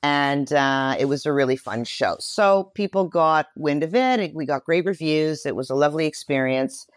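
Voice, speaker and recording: With a deep voice and lively intonation, a mature woman talks at a moderate pace, with no echo in the recording. She's a writer, director and voice performer appearing as a guest in a casual interview, reflecting warmly and effusively on her life and work.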